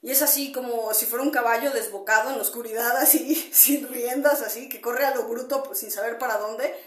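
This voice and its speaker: A woman's voice: a little high, steady tone, a little fast, echoey room. A woman hosting a casual solo podcast, rambling with many fillers and tag questions and greeting listeners as she goes. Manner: greets listeners mid-talk. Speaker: podcast host.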